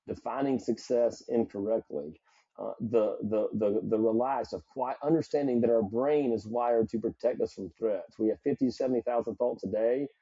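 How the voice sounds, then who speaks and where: Here the same kind of guest, a middle-aged Southern-accented psychologist and performance coach from South Carolina, talks earnestly and thoughtfully in a podcast interview. His medium-pitched voice sounds mellow and slightly rough, captured in lo-fi audio without echo.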